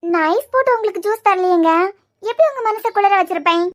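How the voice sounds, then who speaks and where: Woman voicing a cartoon young wife, Kanyakumari accent, squeaky very high voice, snappy bickering. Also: lively intonation, a little fast. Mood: banter. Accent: Kanyakumari Tamil. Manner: sharp, bickering retorts. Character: young wife, hurt but quick-witted. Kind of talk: cartoon web series dialogue.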